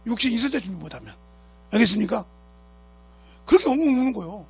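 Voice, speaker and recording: A male pastor preaching in a church with a raspy, gravelly voice. His pitch sits high and swings widely as he scolds and drives his points home with rhetorical questions. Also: sing-song, quick pace, a little mellow. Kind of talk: sermon. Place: church sanctuary.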